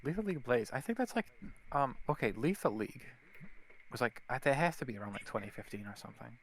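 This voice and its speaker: A man's voice: mid-range voice, animated, fast talker, fairly bright tone, low-quality recording. A man co-hosting a casual podcast, rambling, swearing and laughing often. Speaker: podcast co-host. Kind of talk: casual chat.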